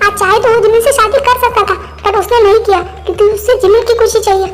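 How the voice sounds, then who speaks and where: A woman's voice: very high-pitched, fairly even intonation, fast talker. A woman voicing a blunt friend who lectures insistently in a fan-dubbed drama. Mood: stern. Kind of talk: Hindi fan-dub voice acting.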